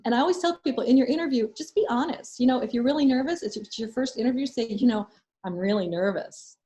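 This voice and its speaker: A woman with a fairly high, dark-toned voice is advising students in a casual webinar, answering their questions. She works as a medical school admissions advisor and gives frank, practical advice, full of fillers and restarts.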